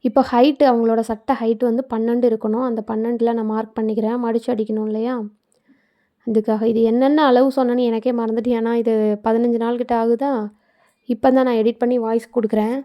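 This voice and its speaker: A woman's voice: a little high, flat delivery, fast, muffled recording. Chatty woman narrating a sewing tutorial. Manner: casual explanatory, chatty asides. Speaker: tailoring channel host. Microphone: phone.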